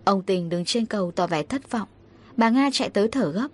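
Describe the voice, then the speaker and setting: A woman narrating a first-person drama story in a steady, dramatic way. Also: medium pitch, moderate pace.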